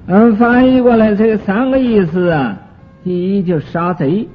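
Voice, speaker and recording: A man giving a Buddhist sutra commentary lecture, explaining terms slowly with many drawn-out fillers. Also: sits high. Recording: tinny lo-fi recording with faint music.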